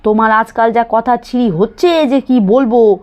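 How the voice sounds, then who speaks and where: Lady voicing a grumpy old mother-in-law in a doll cartoon, high voice, keeps scolding her daughters-in-law. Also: steady tone, moderate pace, a little mellow, close to an everyday voice. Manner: scolding, nagging. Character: elderly mother-in-law, sharp-tongued and proud.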